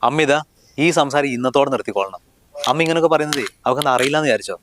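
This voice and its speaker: A protective young husband, acted by a man speaks quickly and firmly, indignant one moment and reassuring the next. His pitch sits mid-range, with faint music underneath. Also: a bit bright, a little hiss or hum, close to an everyday voice. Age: young adult. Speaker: husband and son. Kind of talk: family short film acting.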